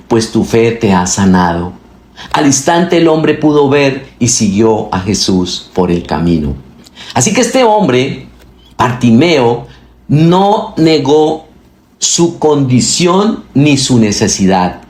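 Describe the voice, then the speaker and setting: A man's voice: on the high side, sing-song, takes it slowly, darkish tone, reverberant. A male pastor preaching a sermon, reading scripture aloud and asking the congregation questions, with his delivery rising and falling for emphasis.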